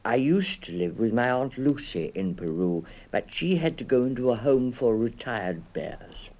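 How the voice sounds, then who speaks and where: A man voicing a small, polite young bear, earnest and proudly dignified, with a small clear voice, in a children's audiobook. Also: medium pitch, expressive, a little slow, mellow, voice pushed up.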